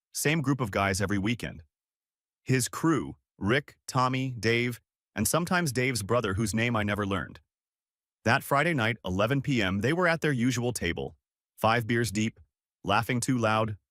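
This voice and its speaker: Brief: young male narrator, low voice, measured delivery, dry close recording. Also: a bit bright, no echo. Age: young adult. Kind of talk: scripted first-person story narration.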